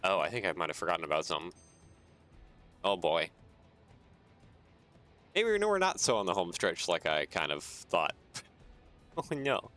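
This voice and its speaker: Deep-voiced tired man thinking aloud. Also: normal speed, pauses often. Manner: thinks aloud, chuckles often, relaxed rambling. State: tired, yawning. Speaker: game streamer. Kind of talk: casual gameplay commentary. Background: soft background music.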